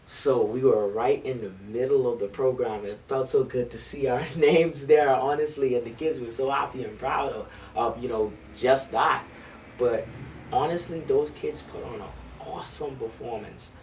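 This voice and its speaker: A school band director chats in a library interview, an eager storyteller prone to um and to restarting his sentences. At normal speed, his mid-range, slightly mellow voice is captured from a distance in poor audio with some background noise.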